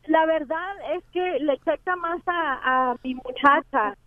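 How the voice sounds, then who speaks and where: A woman calling in to a radio show, speaking in an earnest, halting way. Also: sits high, no room sound. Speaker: caller. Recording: tinny phone line.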